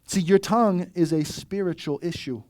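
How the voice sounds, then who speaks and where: A man preaching a sermon as pastor, telling stories in a conversational, animated way and often asking "right?". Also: high voice, normal speed, no echo, studio quality.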